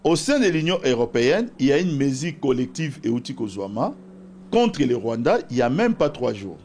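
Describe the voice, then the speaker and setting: A mid-range male voice at a moderate pace belongs to a political guest from Bas-Congo, DR Congo, who argues his case in a debate. He speaks with a Congolese accent, animated and argumentative, and cites scripture.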